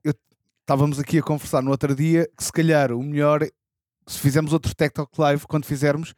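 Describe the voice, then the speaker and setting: A man's voice: fairly high pitch, level tone, fairly quick, darkish tone, dry recording, clean studio sound. A man, chatting casually as a podcast co-host. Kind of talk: casual chat.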